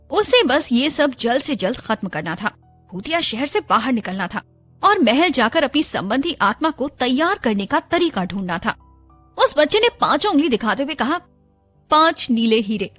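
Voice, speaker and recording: A woman radio jockey narrating a serialized audiobook. Her high voice swings widely as she tells the story expressively, over a faint bed of music. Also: a bit bright.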